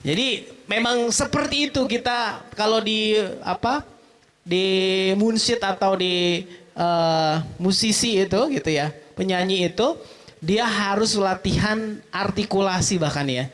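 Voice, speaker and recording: A man with a bright, high-sitting voice leads an animated workshop lecture. He fires off questions to the room and answers them himself, and he keeps things moving with a casual "gitu ya" at the end of his points. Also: a little slow. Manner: animated, with frequent "gitu ya" tags. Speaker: public speaking trainer. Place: mosque event hall.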